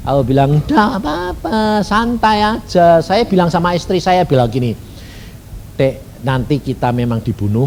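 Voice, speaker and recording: A man preaching a sermon as an evangelist, telling a story in folksy colloquial speech and acting out the dialogue in sudden high voices. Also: mellow. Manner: colloquial Javanese-flavored Indonesian, folksy. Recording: faint rumbling noise, old sermon tape.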